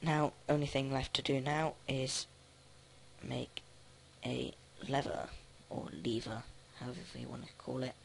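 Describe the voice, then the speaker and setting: A man casually commenting on his own gameplay, thinking aloud with many halting restarts. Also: medium pitch, flat delivery, creaky, slight background noise. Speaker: let's play host.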